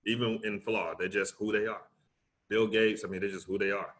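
Deep, bright-voiced Southern US man. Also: little pitch movement, fairly quick. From Alabama, United States. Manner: emphatic, conversational, often tags points with "right?". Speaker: interview guest, public speaker. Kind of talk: casual motivational interview talk.

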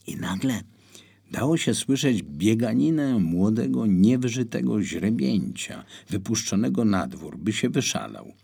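Audiobook narrator, man: deep and gravelly, slow and expressive delivery. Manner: expressive storytelling with wide swings in pitch.

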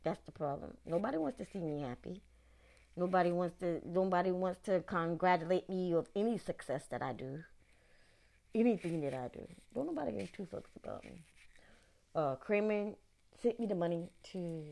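Gravelly woman ranting bluntly. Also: lowish voice, darkish tone. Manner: blunt, profane, venting with bursts of laughter. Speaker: podcast host ranting. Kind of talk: casual ranting monologue.

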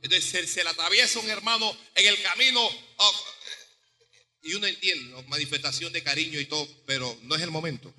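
A man pastor preaching a sermon with animated delivery, acting out dialogue. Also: on the high side, brisk, big-room sound.

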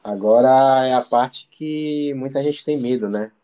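Mellow-voiced man telling a rambling story. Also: mid-range voice, unhurried, clear, resonant tone, muffled recording. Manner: slangy, rambling, full of fillers and restarts. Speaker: interview guest. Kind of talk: casual storytelling chat. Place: living abroad in Ireland.

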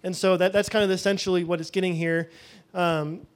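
A man's voice: sits high, little pitch movement, a little fast. A man teaching a Bible session in a loose, conversational way, thinking aloud as he goes.

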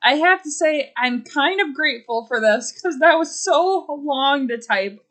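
A woman co-hosting a casual chat among friends, joking with quick asides. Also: high voice, expressive, a bit bright. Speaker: podcast co-host.

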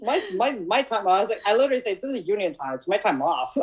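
A woman's voice: mid-range voice, quick pace, husky, poor audio. Woman in her 30s, podcast chat, acts out all the voices in her story, laughs a lot. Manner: animated storyteller, laughs often, acts out dialogue. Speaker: podcast co-host.

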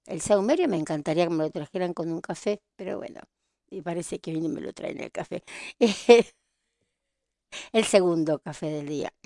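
Chatty Argentine woman, smooth dry voice. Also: fairly low pitch, no room sound. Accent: Argentine (Rioplatense). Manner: chatty, nostalgic storytelling with laughs. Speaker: podcast host. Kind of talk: casual chat.

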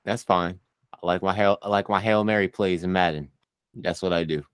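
A man on a casual football panel, terse and deadpan. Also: sits low, moderate pace, smooth. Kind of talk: casual sports chat.

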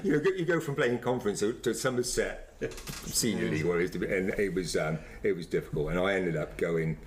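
A low-pitched man reminisces casually in an interview. He rambles and halts, circling back over his phrases. There is faint noise behind him. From Wiltshire, England. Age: 50s. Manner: rambling, halting, repeats phrases. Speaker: former semi-professional footballer being interviewed.

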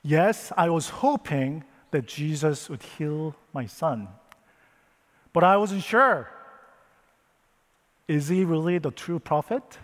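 Slow emotional storyteller in an echoing hall. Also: male voice, fairly high pitch, lively intonation. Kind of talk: first-person dramatic retelling of a Bible story.

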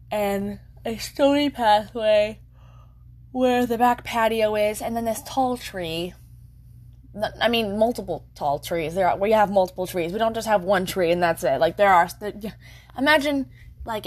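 A young woman talks loosely to her viewers from home, her voice sitting a touch high. She rambles, giggles easily and keeps stopping to correct herself mid-sentence. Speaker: vlogger. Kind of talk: casual chat to viewers. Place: at home by a window.

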